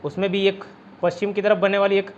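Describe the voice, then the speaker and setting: High voiced chhattisgarh hindi guy teaching exam prep, chatty, lots of memory tricks, kinda dull lo-fi sound. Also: flat delivery, brisk, slight background noise. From India. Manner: chatty, repeats "theek hai", quizzes students with mnemonics. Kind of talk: online exam-prep lesson.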